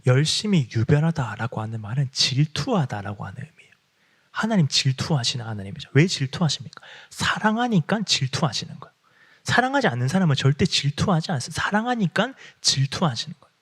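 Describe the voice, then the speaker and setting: A man preaching a sermon, who acts out heartfelt prayers in a hushed, breathy voice. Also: on the high side, big pitch swings, brisk.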